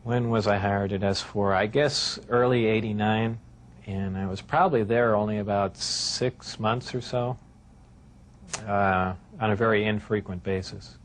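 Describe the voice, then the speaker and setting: A man answering interview questions in a hesitant way with many filler pauses, heard from a worn VHS tape copy. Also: fairly low pitch, steady tone. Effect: worn VHS tape copy with faint hiss.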